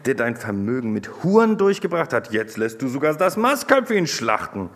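A man's voice: mid-range voice, sing-song, normal speed, in a large hall. A man voicing a bitter, resentful young elder brother from a Bible story, indignant and raised.

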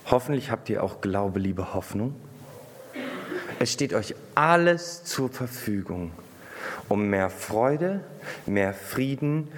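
A man preaches with a lively, swinging delivery and speaks straight to his listeners. His voice rises and falls a great deal. The sound rings with a long hall reverb. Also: medium pitch. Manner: lively, animated, addresses the congregation directly. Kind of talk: sermon with Bible reading.

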